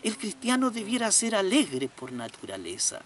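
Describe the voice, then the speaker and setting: A man preaching a comedic sermon in an animated, folksy, joking way. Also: high-pitched, normal speed, slight background noise.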